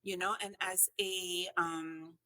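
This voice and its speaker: A woman's voice: lowish voice, little pitch movement, slow pace, sharp tone, no room sound. A woman from the US Virgin Islands, hosting a podcast in a conversational style. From US Virgin Islands (St. Croix). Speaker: podcast host.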